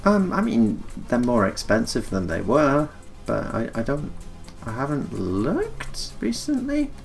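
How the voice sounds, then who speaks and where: A man in his forties talks wryly in a rambling, hesitant way. His voice is gravelly and his pitch moves a lot. Faint music plays underneath. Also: huge pitch swings, a little slow. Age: 40s. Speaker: stream host. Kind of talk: casual chat.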